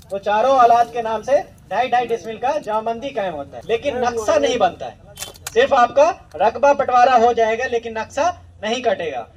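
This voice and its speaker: A man's voice: very high-pitched, darkish tone, distant mic, muffled recording. A man, a land revenue official, explaining survey rules to villagers in a plain instructive way, repeating key points.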